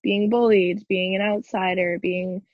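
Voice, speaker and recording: A young adult woman, a guest in a casual interview, talking hesitantly with frequent pauses over low-quality video-call audio. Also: fairly even intonation, no room sound, lo-fi sound.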